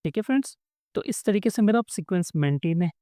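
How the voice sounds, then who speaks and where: Guy explaining code to his friends, chatty, warm mellow voice, dry close mic. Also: high-pitched, expressive, quick pace, dry recording. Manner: chatty, addresses viewers as friends, acts out little dialogues. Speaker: coding tutorial instructor. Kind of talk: casual explanatory lesson.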